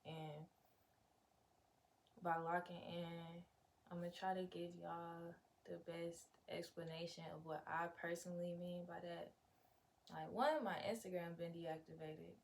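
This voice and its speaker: Lower-pitched young woman, unfiltered rambling vlogger. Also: darkish tone. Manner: unfiltered, rambling, profanity-laced, slangy. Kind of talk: casual chatty vlog, talking to viewers. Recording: clear background noise, room ambience.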